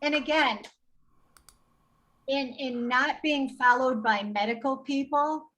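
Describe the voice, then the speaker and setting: A woman speaking as a podcast guest, recounting events slowly in a bright, slightly high voice. She talks with indignation and often slips into quoted back-and-forth dialogue. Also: poor audio. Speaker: patient advocate guest. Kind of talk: podcast storytelling.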